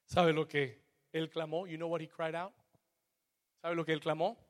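Booming blind man preaching a sermon. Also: little pitch movement, unhurried. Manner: swings from booming shouts to low murmurs; drops into English asides.

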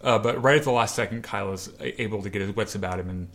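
A man's voice: lowish voice, fast. A man co-hosting a casual chat show, animatedly retelling a comic and acting out the characters' lines. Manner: animated storyteller, acts out quoted lines. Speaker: podcast co-host.

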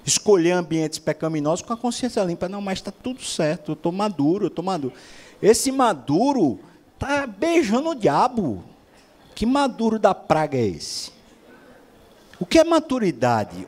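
A man's voice: a little high, darkish tone. A man preaching a sermon, asking rhetorical questions and acting out other people's voices.

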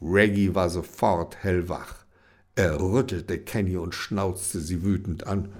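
A man reading a children's story aloud in a lively, expressive way. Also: sits low, slow.

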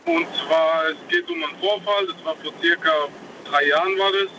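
A young man from southwest Germany calling a radio phone-in from his car's hands-free system and telling a story in a halting, rambling way. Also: high voice, very animated, creaky, sharp tone, slight background noise. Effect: phone call through a car hands-free speaker system, at times distant from the mic. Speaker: radio call-in caller.

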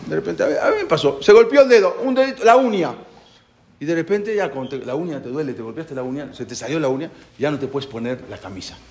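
A man giving a sermon and telling a parable, acting out the voices of its characters. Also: medium pitch. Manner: animated storyteller, voices characters. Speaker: rabbi giving a talk.

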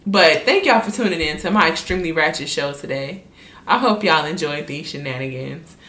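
A woman hosting a podcast from home, talking loud, blunt and full of slang. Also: fairly low pitch. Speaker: podcast host. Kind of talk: casual chat. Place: home room. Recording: echoey room.

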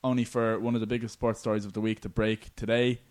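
A man's voice: lowish voice, little pitch movement, quick pace, darkish tone. An Irish man hosting a podcast, chatting about sport in an informal, bantering way. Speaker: podcast host. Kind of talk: casual sports chat.

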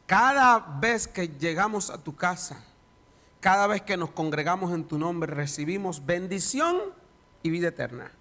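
Male pastor in church, slow and dramatic, high bright voice. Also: animated. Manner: dramatic reading, voice rising and falling. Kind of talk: sermon with scripture reading and prayer.

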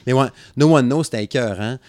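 A man's voice: medium pitch, a little fast, darkish tone, no room sound. A man in his thirties with a Quebec French accent, rambling casually about music on a podcast and laughing often. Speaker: podcast co-host.

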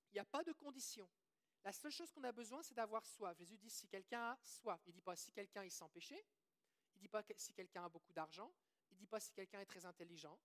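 A woman with a Québécois French accent preaching a sermon, quoting scripture, asking the audience questions and leading prayers. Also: mid-range voice. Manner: earnest, asks the audience questions, quotes scripture.

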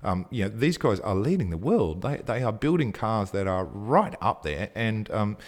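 A man's voice: on the low side, big pitch swings, moderate pace. A man co-hosting a casual podcast chat, talking with enthusiasm and getting a little breathless as he gushes. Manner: enthusiastic, gushing, breathless at times. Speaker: co-host.

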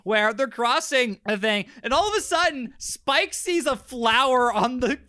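Hyped podcast dude, swears a lot, laughs easy, dry close mic. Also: male voice, extremely high pitch, unhurried, dry recording. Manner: excitable, swears casually, laughs often. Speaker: podcast co-host. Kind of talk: casual movie-review chat.

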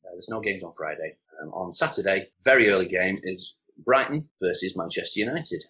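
A man hosting a casual sports chat, running through the week's fixtures with relaxed asides. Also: deep voice, fairly quick. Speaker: show host.

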